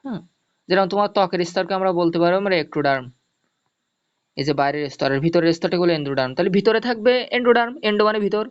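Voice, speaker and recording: A man's voice: sits high, fast talker, clean tone. A male teacher gives an online zoology lesson, explaining step by step, repeating mnemonics and checking that students follow. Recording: dull lo-fi audio.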